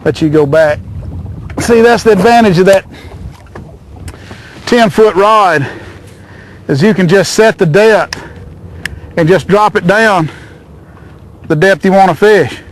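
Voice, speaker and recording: This middle-aged fishing-show host speaks slowly in a high voice, pausing often, from a small boat on a lake. He's excitable, hollering and cooing at each fish he reels in, and a faint hiss or hum sits under his commentary.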